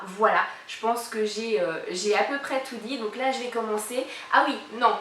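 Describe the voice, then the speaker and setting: A woman in her thirties presents a collab YouTube channel and answers a tag's questions in a casual vlog, talking chattily with lots of fillers. Her voice is slightly high and a bit bright, and the recording has an echoey room, a somewhat distant mic and slight background noise.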